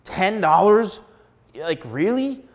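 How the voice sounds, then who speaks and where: A man's voice: high voice, big pitch swings, slow. A middle-aged man, a hairstylist, giving blunt, emphatic advice straight to camera on a lapel mic. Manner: emphatic, blunt, repeats words for stress. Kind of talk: direct-to-camera advice vlog. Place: plain studio backdrop indoors.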